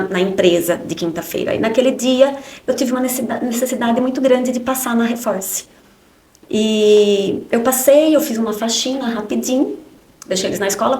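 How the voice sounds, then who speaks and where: A woman, a podcast guest giving an emotional personal testimony in short spoken phrases, often ending with a tag question. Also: a little high. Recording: roomy echo.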